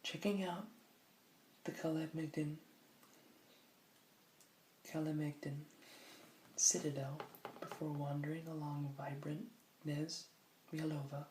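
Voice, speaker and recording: A person whispering softly in an ASMR style, reading aloud from a book slowly, with musing asides. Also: mid-range voice, flat delivery, reverberant, a little hiss or hum, poor audio. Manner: slow, musing asides between read passages. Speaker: ASMR host.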